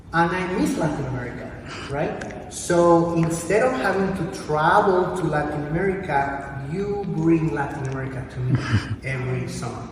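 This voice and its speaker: A middle-aged man from Mexico, a professor and program director, answering interview questions in a measured, reflective way, often searching for words. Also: on the high side. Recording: echoey hall, distant mic, background noise.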